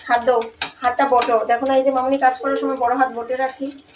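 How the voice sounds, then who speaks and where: বাংলাদেশি বাংলা টানে কথা বলা ত্রিশের কোঠার এক নারী, যিনি বাড়ির রান্নাঘরে রান্না করতে করতে ধীরেসুস্থে গল্প বলেন।. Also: female voice, high voice, little pitch movement. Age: 30s. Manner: chatty, unhurried storytelling. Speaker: home cooking vlogger. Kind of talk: casual chat while cooking. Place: home kitchen. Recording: echoey kitchen, distant mic, background noise.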